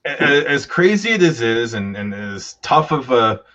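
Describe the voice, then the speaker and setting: A man's voice: medium pitch, sing-song, unhurried, sharp tone. A man from Alberta co-hosting a podcast in casual chat, rambling with many restarts. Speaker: podcast co-host. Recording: slightly dull lo-fi audio.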